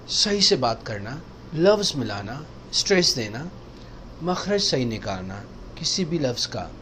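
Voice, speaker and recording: Guy teaching pronunciation, fairly high voice, says words over slowly. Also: fairly bright tone, a little hiss or hum. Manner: drills sounds with slow, drawn-out repetitions. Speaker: English teacher. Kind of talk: recorded language lesson.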